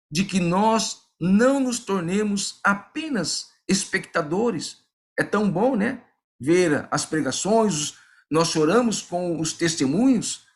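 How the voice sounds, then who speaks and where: High-voiced earnest man preaching. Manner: earnest, repeats phrases, addresses listeners as "queridos". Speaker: pastor. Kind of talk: sermon with personal story.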